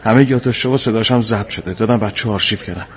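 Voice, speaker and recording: A man's voice: fairly low pitch, background noise, close to an everyday voice. An actor playing a male security officer who defers to his commander and explains what went wrong. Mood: explaining. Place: hospital corridor.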